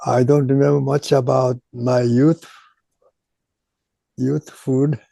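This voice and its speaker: Speaking with many pauses and repeated words, an older native Korean speaker from Japan with a Korean accent reminisces about his years as a chemistry professor for an oral history interview. His mid-range voice barely moves in pitch and is mellow with vocal fry, recorded without echo.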